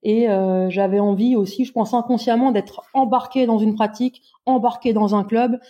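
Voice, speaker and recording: A woman in her forties from Brittany, speaking as a podcast guest in a hesitant, self-mocking way with many pauses. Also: on the high side, steady tone, mellow. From Brittany, France. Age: 40s. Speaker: guest, amateur endurance runner. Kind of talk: podcast interview.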